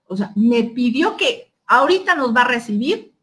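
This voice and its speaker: A woman with a Mexican accent, a podcast guest telling a personal story in a casual, animated way, filling her talk with "o sea". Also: a little high, normal speed. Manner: animated, quotes others, frequent "o sea" fillers.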